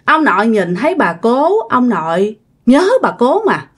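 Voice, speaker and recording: Woman, Southern Vietnamese accent, casual ghost story, lively voice that swoops up and down, chatty. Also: a little high, a little slow, breathy edge. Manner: chatty, addresses listeners directly, many tag particles.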